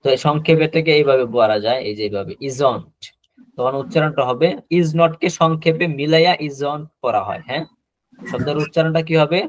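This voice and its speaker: A man teaching a spoken-English class over a video call, repeating each example slowly and drilling pronunciation. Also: fairly high pitch, no room sound.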